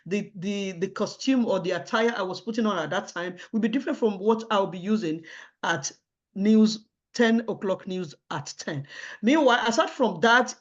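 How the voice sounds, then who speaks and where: Woman in formal interview, dull lo-fi audio. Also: medium pitch. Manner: hesitant, repeating and restarting words. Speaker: job candidate in a mock interview.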